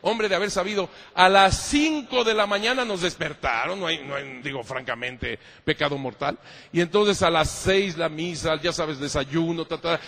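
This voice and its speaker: A man's voice: on the high side, normal speed, fairly bright tone. A man, a priest telling stories in a sermon. He repeats phrases for emphasis and calls his listeners "mijos". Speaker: priest giving a talk. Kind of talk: lively sermon with anecdotes. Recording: long hall reverb.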